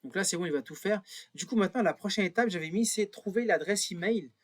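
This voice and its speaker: A man talks through a screen-recorded tutorial in a slightly husky voice. He thinks aloud as he clicks, filling pauses and correcting himself as he goes. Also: high-pitched. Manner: thinks aloud while clicking, many fillers and self-corrections. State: a bit nervous. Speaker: instructor.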